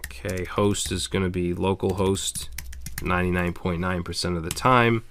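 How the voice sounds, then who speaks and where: A man, slightly hoarse, casually explaining a programming tutorial step by step, with frequent "okay" and "all right". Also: deep voice, steady tone, moderate pace, a bit bright, a little hiss or hum. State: slightly hoarse, losing his voice. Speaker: programming instructor. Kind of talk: screencast coding tutorial.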